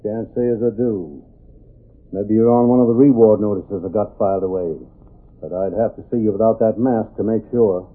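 Man acting gruff old-West sheriff, husky voice. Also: lowish voice, normal speed, natural voice. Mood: indignant, dismissive. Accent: American. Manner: blunt folksy Western drawl. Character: gruff, plain-spoken frontier sheriff, past his prime. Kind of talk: old-time Western radio drama acting. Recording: muffled, tinny old radio broadcast.

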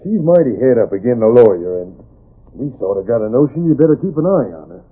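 An actor playing a sheepish, evasive small-town cowhand with a rural American Western accent, hemming and hawing in a radio drama. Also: male voice, mid-range voice, very animated, fast talker, husky. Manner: hesitant, folksy, hemming and hawing. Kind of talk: old-time Western radio drama acting. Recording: muffled, tinny old radio broadcast.

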